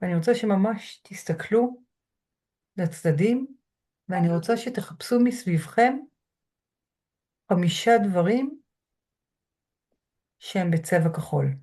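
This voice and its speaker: A woman lecturer speaking from home through a computer mic, guiding listeners through a grounding exercise in a slow, measured way with soft pauses. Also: medium pitch, lively intonation. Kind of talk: calm guided lecture. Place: home room.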